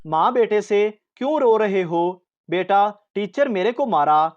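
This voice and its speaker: A woman reading a series of short jokes aloud in a steady storytelling way. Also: medium pitch, measured pace, muffled recording. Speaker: joke reader.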